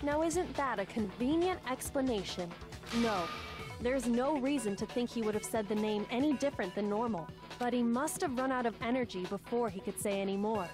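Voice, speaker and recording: A woman's voice: fairly high pitch, fairly quick, over music, close to an everyday voice. A woman voicing a cool, analytical teenage girl detective in an anime game, composed and probing. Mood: coolly skeptical.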